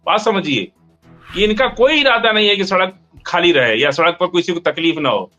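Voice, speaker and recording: A man's voice: high voice, expressive, moderate pace, sharp tone, soft background music. A man in a heated political discussion, arguing emphatically and cutting in on the other speaker. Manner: argumentative, emphatic, interrupts. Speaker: debate panelist.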